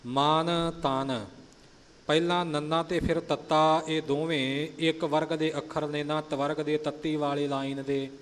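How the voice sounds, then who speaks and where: A man patiently explaining how to pronounce and pause in a recitation, demonstrating each phrase carefully. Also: fairly high pitch, flat delivery, long reverb tail, slight background noise. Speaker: recitation teacher. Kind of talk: explanatory teaching on pronunciation.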